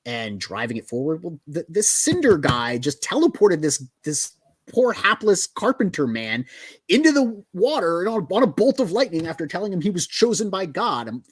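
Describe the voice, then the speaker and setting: A man's voice: high-pitched, wildly swooping pitch, moderate pace, slightly rough, no echo. A man in casual chat, animatedly retelling a comic book's plot on a video call. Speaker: co-host of a comic book show.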